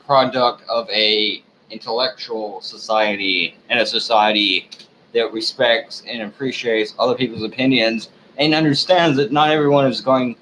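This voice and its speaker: A drunk man giving a rambling, off-the-cuff rant to his viewers, swearing often, halting and losing his thread. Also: medium pitch, fairly bright tone, slight background noise, rough recording. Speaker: online ranter, video host.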